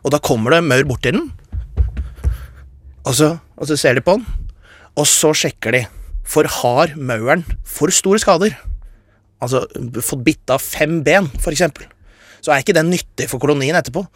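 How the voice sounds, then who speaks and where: A man's voice: on the high side, no echo. A man hosting a radio show, explaining science in a casual chat and getting carried away with enthusiasm. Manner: enthusiastic, gets carried away and talks fast.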